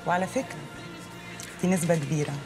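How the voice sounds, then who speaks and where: A cynical woman hands out hard-won advice in a wry tone, played by an actress. Her voice sits fairly low, and film music plays under it. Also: steady tone, fast talker, natural voice. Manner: wry, advising.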